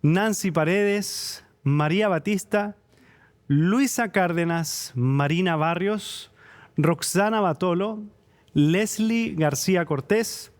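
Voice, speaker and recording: A man's voice: high voice, slow. A Chilean man hosting a church talk show, reading scripture and greeting viewers before chatting with his guest. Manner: warm friendly interviewer, reads scripture and greetings. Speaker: church program host. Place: church studio.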